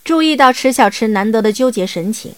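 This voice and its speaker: A woman's voice: a little high, animated, brisk, no echo. A woman reading scripted narration as the narrator of a dramatised audiobook.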